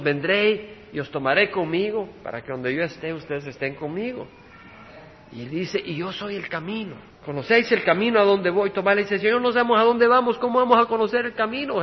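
A male pastor preaching a sermon, asking his listeners rhetorical questions and moving between loud emphasis and hushed passages. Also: high voice, moderate pace, a little hiss or hum. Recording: dull lo-fi recording with long hall reverb.

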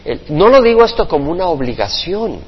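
A man preaching a sermon to his congregation, his voice a touch high and husky. He tells the story expressively, with playful sound effects, and the recording is muffled, with a long church reverb behind him. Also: very animated, a little fast. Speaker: pastor. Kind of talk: sermon Bible study.

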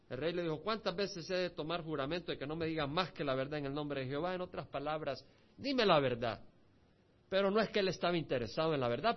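Guy preaching a bible study, voice jumps all over, kinda muffled lo-fi audio. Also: fairly high pitch. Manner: animated, reads scripture then explains it with asides to listeners. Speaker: pastor. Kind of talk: expository Bible sermon. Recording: muffled lo-fi recording.

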